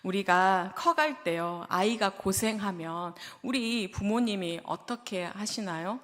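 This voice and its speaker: Brief: woman pastor from Jeolla, gentle storyteller, mid-pitched voice, long church reverb. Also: expressive, measured pace. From Jeolla, South Korea. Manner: gentle storytelling, asks the congregation questions. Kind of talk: sermon. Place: church sanctuary.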